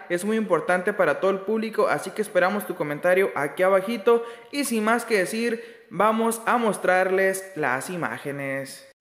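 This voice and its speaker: Brief: male gossip host, high voice, long reverb. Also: fairly bright tone. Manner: formulaic, repeats calls to like and subscribe. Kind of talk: scripted voice-over narration. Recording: echoey room with long reverb.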